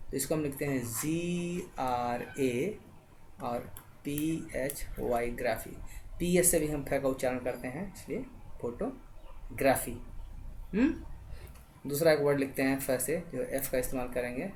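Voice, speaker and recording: Woman slowly spelling words for learners. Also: very deep voice, darkish tone, a little hiss or hum. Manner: slow letter-by-letter spelling, checks in with "thik hai". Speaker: teacher. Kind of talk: spelling lesson.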